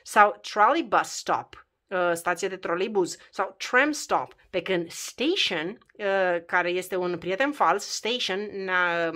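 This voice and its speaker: A woman teaching an English lesson to Romanian learners. She talks conversationally, asks the listener questions, and slowly repeats words to drill their pronunciation. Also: on the low side, lively intonation, sharp tone.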